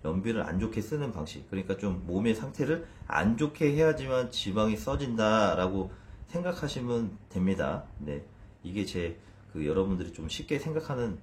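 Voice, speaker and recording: A man's voice: fairly low pitch, big pitch swings, normal speed, slight background noise. A man in his thirties explaining exercise as a fitness trainer in a casual video, stumbling and restarting with a self-deprecating manner.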